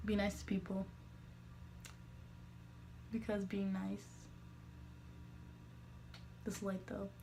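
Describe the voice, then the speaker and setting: A woman's voice: medium pitch, a little hiss or hum. A teenage girl telling a storytime vlog, rambling with many fillers and self-corrections, laughing between remarks. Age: teens. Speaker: vlogger.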